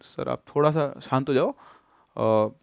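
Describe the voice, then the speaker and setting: A man voicing a calm male hotel night guard who speaks soothingly, in a dry, close sound. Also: mid-range voice, a little slow, creaky, no echo, voice pushed down. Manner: soothing, reassuring.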